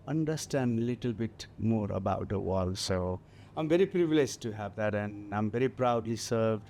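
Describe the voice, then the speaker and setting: A man in his forties from Nepal, speaking with a Nepali accent, talking haltingly with many fillers as a guest on a festival stage interview. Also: on the low side, animated, a little mellow, a little hiss or hum. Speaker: guest mountaineer.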